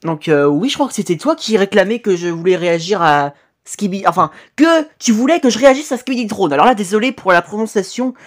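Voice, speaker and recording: A man reacting to videos in casual commentary, his voice set fairly high and swinging widely in pitch. He gets excited fast, swears freely and exclaims at what he sees, with plenty of hesitant fillers and self-corrections along the way. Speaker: YouTube reaction host.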